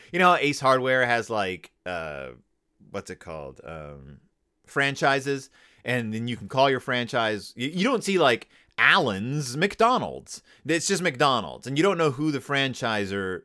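A man with a mid-range, sing-song voice hosts a podcast, speaking a little slowly in a bright, forceful tone. His casual, comedic review of a children's book is rambling and digressive, and he corrects himself often.

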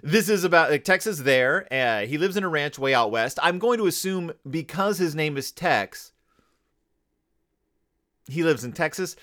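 This man's voice is a little high, animated and fairly bright, moving at a moderate pace. He's a podcast host giving a casual, comedic review of a children's book, rambling, digressing and correcting himself as he goes.

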